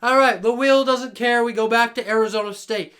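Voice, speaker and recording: Hoarse, hyped young man calling plays. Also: very high-pitched, fairly even intonation, fairly quick, a bit bright. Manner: hyped, exclamatory, talks to viewers like a buddy. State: hoarse, losing his voice. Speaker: video game commentator. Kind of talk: excited play-by-play commentary.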